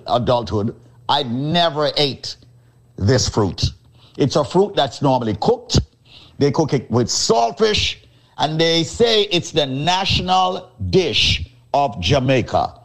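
A man hosting a radio show, giving a showy, teasing sales pitch and repeating his points. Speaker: radio host selling a supplement.

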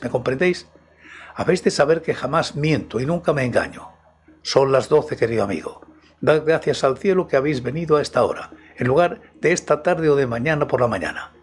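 A man's voice: medium pitch, lively intonation, brisk, husky. A man voicing a mysterious older nobleman in a storybook reading, speaking in a solemn, authoritative tone. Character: commanding mysterious older nobleman, grave and calm.

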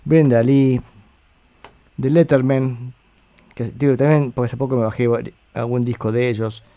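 A man's voice: steady tone, normal speed, dark tone. A man hosting a casual radio show, thinking aloud and correcting himself as he rambles through listener greetings and song lists. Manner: reads listener greetings and lists songs in a low aside. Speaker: radio host.

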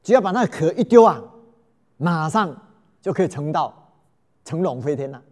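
A man voicing a serene bodhisattva in a folk tale, speaking slowly and measuredly. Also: a little high, expressive, a little mellow, natural voice. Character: calm wise bodhisattva, serene deity.

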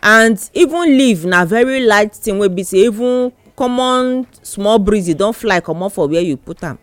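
A man's voice: high-pitched, lively intonation, normal speed, dry recording. A man with a Nigerian accent chatting casually in West African Pidgin English as a partner in a radio conversation.

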